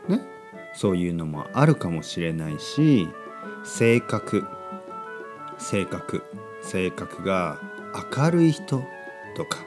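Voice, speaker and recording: Slow, animated man teaching through a podcast. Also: on the low side. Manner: repeats and paraphrases key words simply for learners. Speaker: podcast host for learners of Japanese. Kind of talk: simple, unscripted language-learning podcast talk.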